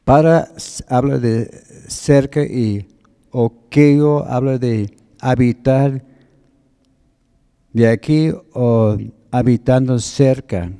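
A man preaching, taking his time as he explains words one by one. His voice is very dark and mellow, sitting at an ordinary pitch for a man. He speaks slowly and deliberately. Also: steady tone, smooth. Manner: slow, deliberate, explains word meanings. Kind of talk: sermon teaching.

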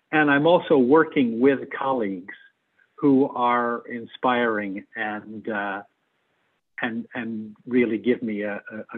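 A man, probably middle-aged, who adapts for and acts in theatre, is a guest in an interview conversation. His mid-range voice comes through narrow, tinny audio, and he speaks in a measured, hesitant way, repeating words as he picks them.

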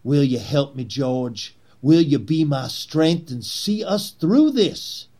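A man plays a grandiose, persuasive Confederate conspiracy leader in an 1860s period drama, pleading fervently in theatrical oratory with emphatic pauses. His voice is mid-range, expressive, and mellow.

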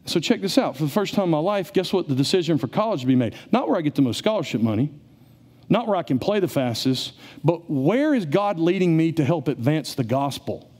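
A middle-aged man, preaching a sermon in a church in an animated, conversational way. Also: brisk, slightly rough. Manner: animated, conversational preaching, rising to emphatic high peaks. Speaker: pastor. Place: church sanctuary.

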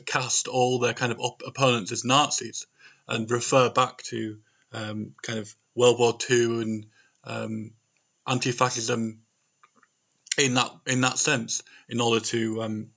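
A man co-hosts a casual podcast from home during isolation, his medium-pitched voice creaky, husky and fairly bright. He speaks hesitantly, full of "um" and "like," and the dull lo-fi laptop microphone makes him sound tinny.

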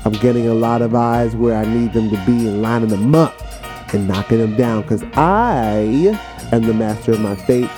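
Speaking over music at a moderate pace, an American podcast host with a medium-pitched voice explains a poem in an informal, emphatic motivational talk. He stays conversational, dwells on what words mean, and repeats phrases to drive them home.

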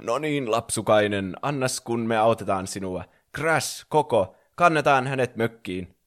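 A man's voice: mid-range voice, animated, close to an everyday voice. A man voicing a kindly old mask spirit who speaks to the children in a fatherly way. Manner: warm, fatherly.

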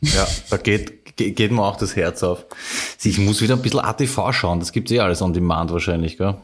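Ein Mann mit Wiener Akzent, Co-Moderator eines Podcasts, plaudert locker und witzelnd in kräftigem Dialekt. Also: male voice, low voice, brisk, a little hiss or hum. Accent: Viennese. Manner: laid-back, joking, heavy dialect slang. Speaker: podcast co-host. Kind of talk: casual chat.

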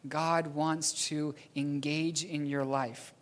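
Speaking slowly in a level, rather high voice, this New Zealand preacher tells stories from the pulpit. His sermon wanders a little, and he laughs softly whenever he catches and fixes a slip. A long reverb from the hall surrounds him.

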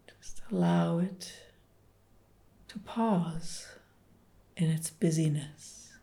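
A woman leading a guided relaxation meditation, speaking softly and partly in whispers. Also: on the low side, gravelly. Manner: soft, slow, soothing, partly whispered.

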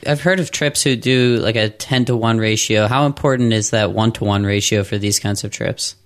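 A man with a low voice asks earnest podcast interview questions. He reads out statistics in a steady way. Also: normal speed. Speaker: podcast co-host.

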